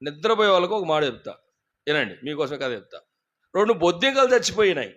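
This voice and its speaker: A man's voice: fairly high pitch, very animated, quick pace, a bit bright, highs cut off. Man, pastor, humorous sermon, quizzing the congregation. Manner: humorous storytelling preacher, asks the congregation questions.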